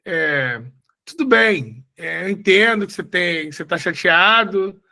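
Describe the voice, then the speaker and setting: A man's voice: sits high, animated, unhurried, gravelly, sharp tone, heavily acted. A man from Rio de Janeiro with a Carioca accent, quoting a stubborn know-it-all AI chatbot that insists and patiently corrects him. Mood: insistent. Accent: Carioca Brazilian Portuguese.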